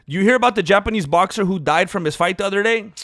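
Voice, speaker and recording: A man chats casually on a live stream, joking around, breaking into off-key singing and ad-jingle bits, and saying he is losing his voice. He talks fast in a high-pitched, slightly bright voice, recorded dry with studio quality.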